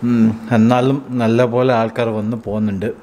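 A man's voice: medium pitch, level tone, rapid-fire, warm tone. A Malayali-accented man talking through a face mask, chatting to his viewers in a casual food vlog from a restaurant. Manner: chatty, addresses viewers as friends. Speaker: food vlogger. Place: busy restaurant.

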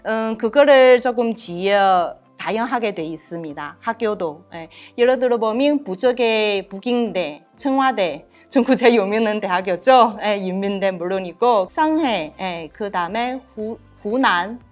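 A woman from China, a native Chinese speaker and professor, answering interview questions in halting Korean with a Chinese accent and frequent fillers. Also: mid-range voice, expressive, soft background music. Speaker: professor, head of a university Chinese department.

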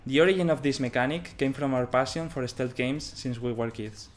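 Background music runs under this scripted presentation by a game developer in his thirties, whose mid-range voice moves a little fast.

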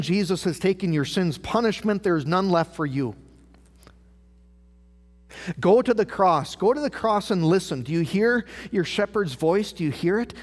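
A man preaching a sermon as pastor, asking rhetorical questions and repeating phrases for emphasis. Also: a little high. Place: large church sanctuary. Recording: live church broadcast with long hall reverb.

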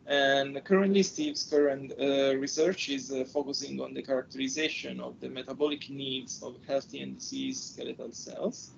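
A male webinar host speaks in a gravelly, mid-pitched voice, heard through a screen recording of a video call. He talks haltingly, with frequent fillers. The audio is dull, with a faint rumble underneath. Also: steady tone. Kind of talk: introducing a guest speaker.

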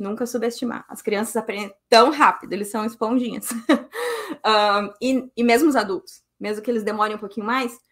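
A woman's voice: medium pitch, fairly bright tone. A woman, giving a casual online lecture as a cello teacher over a webcam. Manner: casual, chatty explaining with fillers. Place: room at home. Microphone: webcam on video call.

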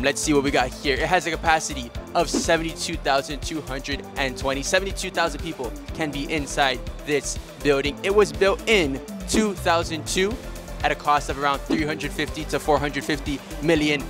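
Music plays in the background as an upbeat soccer vlogger narrates his travels at normal speed, his voice a little high. He talks directly to viewers, addressing them as guys, both outdoors and inside a large stadium.

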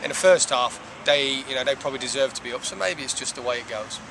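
A man in his thirties, a soccer head coach, giving a measured, reflective postgame interview outdoors, with lots of "you know". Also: medium pitch. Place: outdoors by a stone wall. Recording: outdoor traffic noise.

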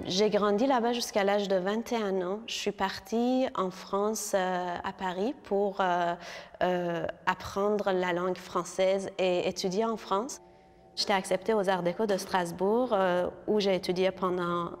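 In a large hall, an Iranian woman who makes visual art is interviewed about her exhibition, her medium-pitched voice steady and unhurried. She talks earnestly but hesitantly, filling pauses with many sounds.

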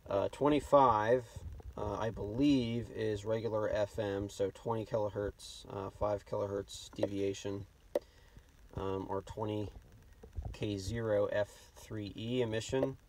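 A man with a lowish voice and heavy vocal fry gives an informal hands-on demonstration, feeling his way as he goes. He is recorded a little away from the mic inside a car, with clear noise and clicking. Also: fairly even intonation, measured pace. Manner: hesitant, off the cuff. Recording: noisy, distant mic, clicks. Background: radio broadcast, clicks, noise.

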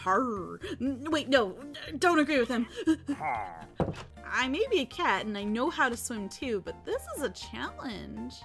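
A woman streaming a game live, excitable and giggly, often breaking into squeals and repeated panicked cries. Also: sits high, measured pace, vocal fry. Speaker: VTuber streamer. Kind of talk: live gameplay commentary. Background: faint background music.

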